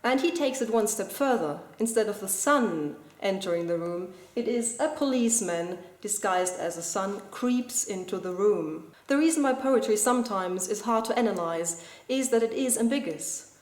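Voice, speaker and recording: A woman calmly walking through a close reading of a poem, in a measured, explanatory way. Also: mid-range voice. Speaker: video blogger explaining a poem. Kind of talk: scripted literary analysis. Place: school building indoors. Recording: echoey room.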